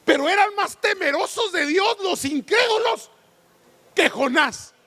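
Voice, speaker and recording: Pastor, man, very high and lively pitch, slow deliberate sermon delivery, long church hall reverb. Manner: animated preaching with rhetorical questions. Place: church sanctuary.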